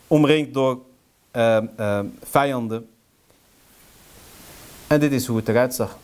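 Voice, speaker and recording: A man's voice: medium pitch, takes it slowly, darkish tone, clean tone. A man lecturing on history, telling it as a story with rhetorical questions and getting heated and indignant. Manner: sprinkles Arabic phrases into speech.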